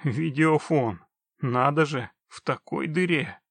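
A man voicing a cold, mercenary witcher who speaks with chilling, mocking calm. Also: a little high, takes it slowly, creaky, no echo, exaggerated voice. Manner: icily calm, dry, mocking. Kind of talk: audiobook reading.

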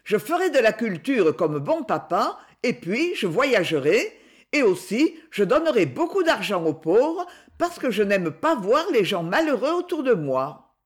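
A woman's voice: on the high side, sing-song, unhurried. A woman doing an eager young schoolboy. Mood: enthusiastic. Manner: bright, pleading, enthusiastic.

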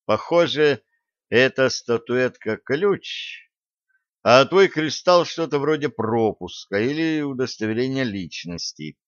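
A gruff, bossy starship captain, as a man acts him out, barks orders in a commanding, irritable tone. His voice sits at an ordinary male pitch. The recording is dry and slightly dull, like a home audiobook. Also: expressive, slow, dry recording.

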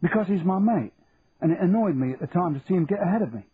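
A man's voice: high voice, lively intonation, fast talker, voice pushed up. A man voicing an earnest, honest young lance corporal who talks plainly and respectfully. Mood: defiant. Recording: tinny phone-like, faint hiss.

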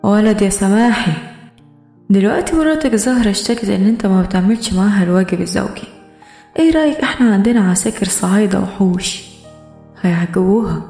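A woman voicing a calm, sadistic male police interrogator who sounds mockingly friendly, in an audiobook. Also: mid-range voice, fast talker, echoey room, soft background music, natural voice. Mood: menacing.

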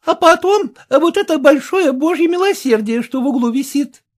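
A woman's voice: sits high, animated, moderate pace, a little mellow, pitched above the performer's own voice. A woman reading a storybook, voicing a grasping middle-aged woman who haggles shrilly and insistently. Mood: haggling, insistent.

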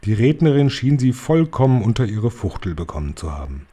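A man reading a children's book aloud in a calm, even storytelling manner. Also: medium pitch, brisk, slightly rough. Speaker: reader.

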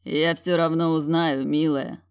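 A woman voicing a smug, teasing dragon general who speaks in a slow, low whisper. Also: steady tone, smooth, dry recording, studio quality. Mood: tender whisper.

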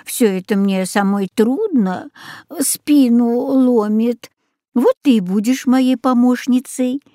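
A woman voicing a scheming old forest witch in a storybook reading, sweet and coaxing, drawn out slowly. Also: on the high side, mellow, no room sound, clean studio sound, pitched above the performer's own voice. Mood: sly coaxing.

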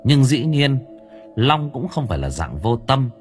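Lively male audiobook narrator. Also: mid-range voice, a little slow. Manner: lively storytelling with colloquial humor. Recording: faint music behind.

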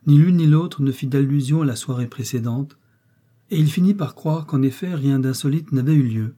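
A man reading a classic novel aloud as an audiobook narrator, in a measured, even storytelling manner. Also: medium pitch. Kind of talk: scripted literary narration.

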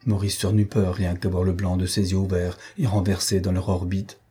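Husky, dark-voiced male narrator. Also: sits low, flat delivery, moderate pace. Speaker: audiobook narrator. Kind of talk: scripted literary narration.

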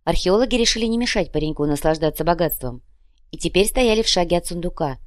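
A woman reading a tense audiobook in a measured way. Her voice sits low, and the recording is dry, with no room sound. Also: expressive, no echo. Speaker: audiobook narrator. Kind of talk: dramatic audiobook narration.

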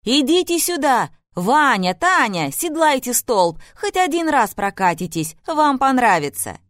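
A woman reading an audiobook voices an excitable, eccentric older mother-in-law with loud, exclamatory, bubbly lines. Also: lowish voice, moderate pace, no room sound, studio quality. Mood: excited.

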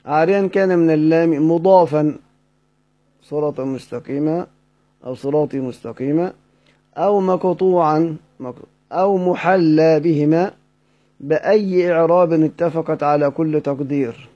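Mellow Egyptian man teaching a class. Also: on the high side, normal speed. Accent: Egyptian Arabic. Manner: asks students questions and answers them himself, repeats key points. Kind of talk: recorded lecture explaining a text. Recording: dull lo-fi recording.

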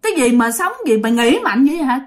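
A woman's voice: on the high side, animated, fairly quick, lightly acted. A woman playing a startled, frightened woman on a boat at night, exclaiming in alarm. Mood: puzzled.

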